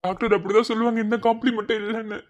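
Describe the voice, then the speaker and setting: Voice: mid-range voice, level tone, very fast, highs cut off, close to an everyday voice. A voice actor playing a frightened young husband who anxiously begs his wife to avoid pain. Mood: pleading. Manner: pleading, anxious, tearful. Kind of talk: cartoon voice acting.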